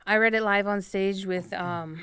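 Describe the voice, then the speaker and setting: A woman's voice: medium pitch, steady tone, unhurried, bright, forceful tone, clear, resonant tone. A young adult woman co-hosting a podcast in casual chat, talkative and laughing easily, with plenty of fillers. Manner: chatty and laughing, with many fillers. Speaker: podcast co-host.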